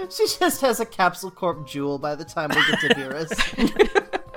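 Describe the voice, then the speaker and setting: A woman's voice: fairly low pitch, wildly swooping pitch, normal speed, music in the background. A woman co-hosting a casual podcast chat, joking and playful with casual swearing. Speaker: podcast co-host.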